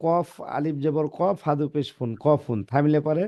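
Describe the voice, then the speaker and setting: A man teaching Arabic letter pronunciation in a classroom, reciting letters one by one with a slow, drawn-out delivery and checking in with his students. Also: on the high side, fairly even intonation, no echo, lo-fi sound.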